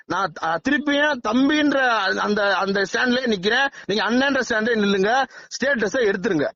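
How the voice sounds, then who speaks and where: A man's voice: very high voice, sharp tone, no room sound. A man from Tamil Nadu, a legislator, heard over a phone line making insistent, threatening demands in a heated private call. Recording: muffled phone call recording.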